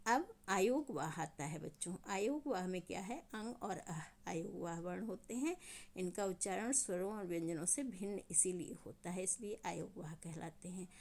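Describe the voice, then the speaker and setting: A woman teacher giving a grammar lesson to schoolchildren, explaining patiently step by step and drawing out the example sounds slowly. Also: lowish voice, a little mellow. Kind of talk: online Hindi grammar lesson.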